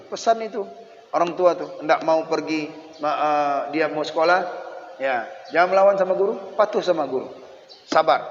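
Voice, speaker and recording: A man giving a religious study lesson in a mosque, animated, acting out children and parents in quick asides. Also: a little high. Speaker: religious teacher. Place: mosque hall. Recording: dull lo-fi sound with long hall reverb and faint hiss.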